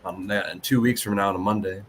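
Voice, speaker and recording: A man co-hosting a casual podcast, passing along details in loose, halting phrasing. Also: low voice, fairly even intonation, a little hiss or hum. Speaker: podcast co-host. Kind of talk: casual chat.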